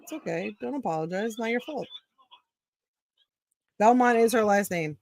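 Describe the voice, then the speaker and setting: A woman's voice: a little high, moderate pace, gravelly, darkish tone, a little hiss or hum. A woman with a Brooklyn accent co-hosting a wrestling podcast, chatting in a teasing, playful way. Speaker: podcast co-host. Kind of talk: casual chat reviewing a wrestling show.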